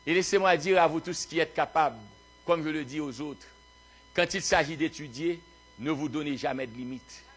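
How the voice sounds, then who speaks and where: A man from Haiti with a Haitian accent, a pastor preaching a fervent sermon that swings between quiet storytelling and shouted exhortation. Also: a little high, normal speed, husky.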